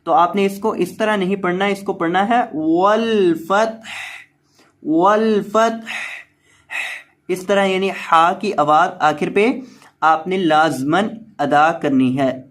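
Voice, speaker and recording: A man teaching Quran recitation word by word, explaining each rule patiently and then drawing the words out slowly. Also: high-pitched, fairly bright tone. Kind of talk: slow word-by-word tajweed lesson.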